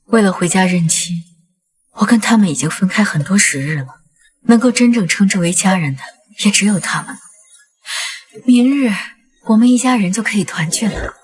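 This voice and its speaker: An actress playing a calm, dignified young woman in a costume drama, speaking in a cool, cutting way. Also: medium pitch, normal speed, slightly rough. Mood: quiet.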